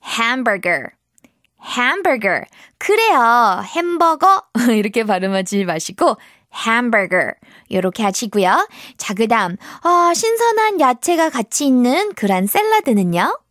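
A woman teaching English to children, encouraging and modeling pronunciation slowly word by word. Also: a little high, big pitch swings, no echo, clean studio sound.

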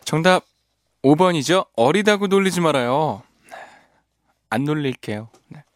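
A man's voice: a little high, expressive, a little slow, no room sound. A man hosting a radio show in a studio, reading listener messages and teasing them playfully with frequent laughs. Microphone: studio microphone.

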